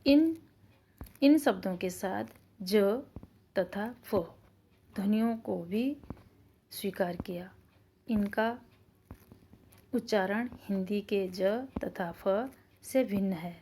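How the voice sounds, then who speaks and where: A woman teaching a children's grammar lesson at an unhurried, deliberate pace. Her voice is soft and warm rather than bright. She asks the class questions and then answers them herself, with a faint hum of room noise behind her. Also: mid-range voice.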